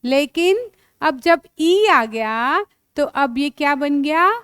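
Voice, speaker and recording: A woman's voice: high voice, animated, slow, fairly bright tone, dry recording, clean studio sound. A woman with an Indian accent teaching phonics to young children, sounding out words letter by letter and calling the listeners "beta".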